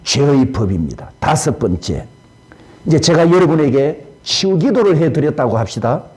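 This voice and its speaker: Animated high-voiced male pastor preaching. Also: normal speed, breathy edge. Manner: animated, asks the congregation questions. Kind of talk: sermon.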